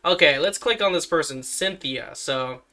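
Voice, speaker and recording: A man talking in a casual commentary vlog, rambling with many fillers and sudden jumps up in pitch. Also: moderate pace, pushed and bright. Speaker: vlogger.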